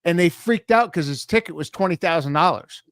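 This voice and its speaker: A middle-aged man hosting a podcast tells his own anecdotes in a relaxed, casual way, quoting the people in them. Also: a little high, fairly quick, dry recording, studio quality. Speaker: podcast host. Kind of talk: casual interview chat.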